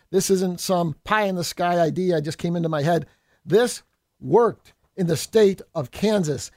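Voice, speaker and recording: A middle-aged New York State assemblyman hosts a political podcast, delivering a combative, folksy monologue and addressing his listeners as folks. His voice sits on the high side with a darkish tone, recorded at studio quality with no echo.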